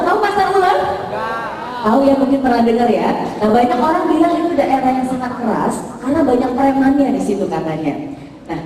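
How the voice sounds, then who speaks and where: A woman in her thirties from Indonesia, giving a motivational seminar talk and asking the audience lively questions. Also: sits high. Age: 30s. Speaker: motivational speaker. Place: hotel function room. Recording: echoey hall from far off.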